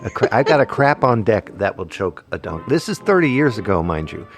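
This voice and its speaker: A man's voice: fairly low pitch, very animated, a little fast, faint music behind. A man co-hosting a comedy podcast, joking and teasing his co-host in casual banter.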